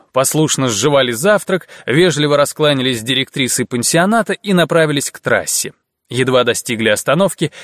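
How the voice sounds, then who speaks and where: A man's voice: mid-range voice, fairly bright tone, dry recording. Man narrating an audiobook, dry close sound. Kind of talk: scripted narration.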